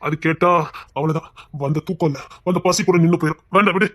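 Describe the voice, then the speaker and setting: A man's voice: a little high, steady tone, fast. A man teasing his wife in a casual couple chat, stalling and holding back laughter. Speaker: husband in a couple vlog.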